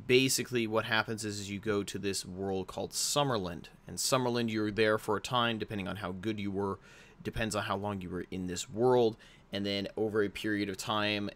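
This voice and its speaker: A man's voice: on the low side, fairly bright tone. A young American man in his twenties hosting a casual explainer, rambling with frequent fillers and restarts. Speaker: host.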